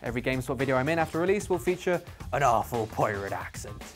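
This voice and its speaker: A man's voice: mid-range voice, lively intonation, quick pace, faint music behind. A man presenting a scripted film preview with enthusiastic, self-mocking humour. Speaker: co-host.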